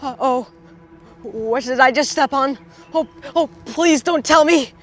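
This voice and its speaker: A woman playing an excitable park ranger sidekick in a children's adventure skit, animated and dramatic. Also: sits high, unhurried. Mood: anxious, excited. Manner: animated, dramatic, talking to self. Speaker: children's show performer. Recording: music behind the voice.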